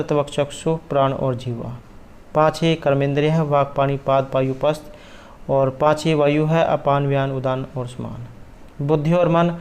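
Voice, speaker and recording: A man's voice: a little high, a little mellow. Man methodically explaining exam questions. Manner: methodical, walks through answer options. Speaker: Sanskrit exam tutor.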